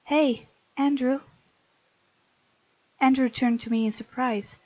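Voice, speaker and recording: A woman whose voice sits high and warm speaks slowly with fairly even intonation and no echo. She hosts a gaming video, reading game text aloud and casually, playfully reacting to the characters, over game music in slightly dull-sounding audio.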